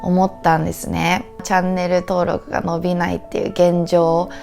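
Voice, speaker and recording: A Japanese woman with a Japanese accent and a cute, high, anime-like voice, talking earnestly and gratefully to camera as a teacher. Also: little pitch movement, moderate pace, creaky, a little mellow, soft background music. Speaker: Japanese teacher and video creator. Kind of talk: heartfelt talk to camera.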